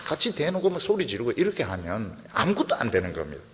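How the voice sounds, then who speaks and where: A middle-aged man preaching a sermon, telling the story in a lively way and acting out the quoted dialogue. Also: mid-range voice, fast talker, long reverb tail. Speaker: pastor.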